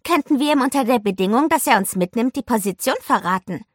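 A woman's voice: a little high, husky, voice pushed up. A woman voicing an eager, clever young girl who plays detective in an audiobook. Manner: excited, quick to plan. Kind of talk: audiobook character voice.

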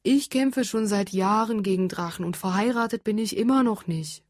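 A woman's voice: medium pitch, moderate pace, darkish tone, breathy edge, no room sound, studio quality, natural voice. A woman doing a grumbling, weary young prince. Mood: whiny. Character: weary young prince, tired of dragon fights.

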